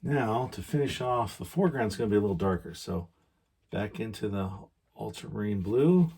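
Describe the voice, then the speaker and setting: A man giving a gentle, unhurried painting demonstration, thinking aloud as an instructor with pauses between short phrases. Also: lowish voice, animated, vocal fry, slightly rough.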